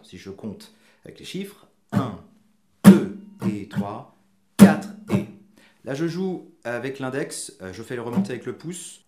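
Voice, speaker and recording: Male guitar teacher in a roomy room. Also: on the high side. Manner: patient, explanatory, counts and chants strum patterns aloud. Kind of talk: guitar tutorial. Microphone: mic near the guitar.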